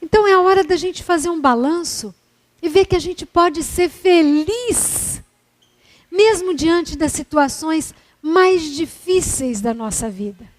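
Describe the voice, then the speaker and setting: A woman giving a spiritual lecture at a religious center, telling a moving story. Her voice sits high. She speaks with feeling and slow, reflective pauses. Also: expressive.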